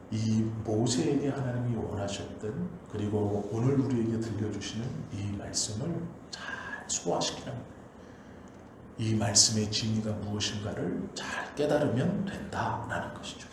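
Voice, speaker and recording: A man's voice: fairly low pitch, background noise. A male pastor preaching a Sunday sermon with emphatic, repetitive exhortation into a pulpit microphone. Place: church sanctuary. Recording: very echoey church hall.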